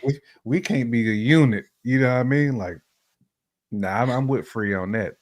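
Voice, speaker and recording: A man with a mid-range voice co-hosts a relationship podcast at a moderate pace. He chats casually and colloquially, with opinionated, slangy phrasing and repetition for emphasis.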